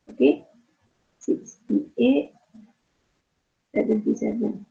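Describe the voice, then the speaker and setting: A woman statistics lecturer talks through her slides in an online class, slow and halting, with frequent fillers. Her voice is fairly high but gravelly, worn from losing it. The sound is thin and phone-like. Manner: halting, restarts phrases with many uh fillers.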